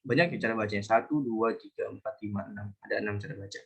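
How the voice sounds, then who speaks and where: A man from Indonesia teaching a relaxed online Japanese class, chatty and often correcting himself as he talks. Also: on the low side, fast, creaky, husky. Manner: chatty, self-correcting, talks to students directly. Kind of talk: casual online class lesson.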